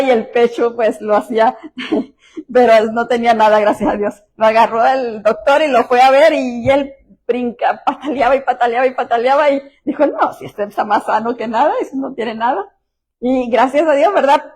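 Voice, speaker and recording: A woman's voice: a little high, a little mellow. A middle-aged woman pastor, preaching a sermon and telling personal stories in a conversational way that speaks directly to the listeners.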